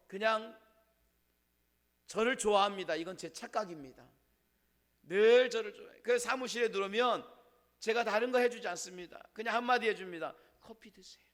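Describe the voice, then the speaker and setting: Male pastor with a high voice, preaching warmly with stories and sudden hushes; long church reverb. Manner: storytelling with a quiet, hushed delivery for God's words. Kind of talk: sermon. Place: church sanctuary.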